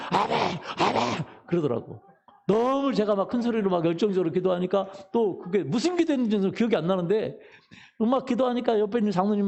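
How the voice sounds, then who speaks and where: Gravelly-voiced man preaching a sermon. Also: sits high, dark tone. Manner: storytelling, asks the congregation questions and answers them himself. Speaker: pastor. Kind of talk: Sunday sermon. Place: church sanctuary.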